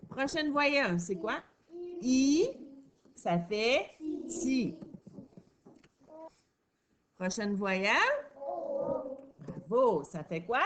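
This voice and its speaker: A woman teacher, guiding young children through a phonics lesson with clear questions and praise. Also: mid-range voice, fairly bright tone, a little hiss or hum.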